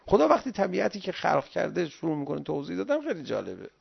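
Middle-aged man, sermon, pleading exclamatory delivery, gravelly, dull lo-fi recording. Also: a little high, huge pitch swings. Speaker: religious lecturer. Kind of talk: sermon-like religious talk.

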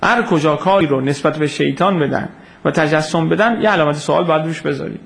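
A man lectures informally on religious history, his voice pitched high with a gravelly edge. He tells events as lively stories and stops to answer questions from listeners. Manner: animated storytelling, acts out quoted voices, takes audience questions.

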